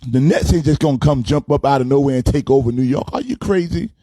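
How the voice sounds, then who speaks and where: A man in his forties, a pastor hosting a casual sports talk show, animated and trash-talking as he speaks straight to fans and players. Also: medium pitch, quick pace, breathy edge, dry recording, studio quality. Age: 40s. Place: his home sports studio.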